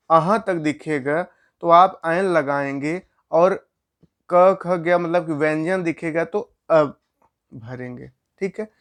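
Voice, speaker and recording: A man's voice: a little high, vocal fry. A man teaching a grammar lesson, explaining step by step and asking questions he answers himself.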